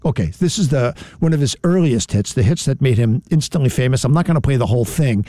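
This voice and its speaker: A middle-aged radio host talks casually in a studio, rambling and often restarting and correcting himself. His medium-pitched, mellow voice is animated and fast, recorded dry on a studio mic.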